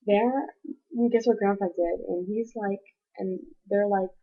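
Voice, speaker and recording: A woman's voice: mid-range voice, fairly even intonation, unhurried. A teenage girl telling a story to her webcam at home, chatty and rambling with lots of "like". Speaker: vlogger. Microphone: built-in webcam mic. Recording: dull lo-fi webcam audio.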